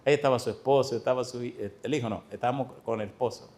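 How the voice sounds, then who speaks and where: A man's voice: mid-range voice, very fast. Man preaching a story-filled sermon. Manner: lively storytelling, addressing the congregation with questions. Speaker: pastor. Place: church.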